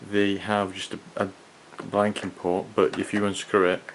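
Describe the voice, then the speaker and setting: A man giving an unscripted hands-on product review in a hesitant, halting, rambling manner. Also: sits low, flat delivery, poor audio. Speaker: gas mask collector and reviewer. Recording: clearly audible background noise.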